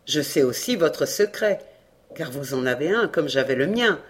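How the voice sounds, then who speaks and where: A reader voicing an earnest young fisherman in love in an audiobook, speaking low and pressing. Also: lively intonation, normal speed, natural voice. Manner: warm, pressing, playful. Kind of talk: audiobook reading.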